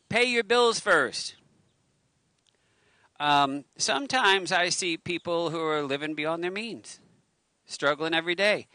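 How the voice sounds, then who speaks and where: A middle-aged pastor preaches a casual sermon outdoors on a waterfront lawn, using a handheld mic at a lectern. His mid-range voice is bright and forceful, chatty and sprinkled with joking, self-mocking asides, and the recording is dry.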